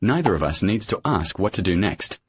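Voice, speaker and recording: A man's voice: low voice, very animated, normal speed, slight background noise. A man dubbing a reserved, devoted husband in a period drama, with an understated, earnest manner. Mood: calm. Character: reserved, devoted husband, a ledger-keeping manager. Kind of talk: English dub of a period drama.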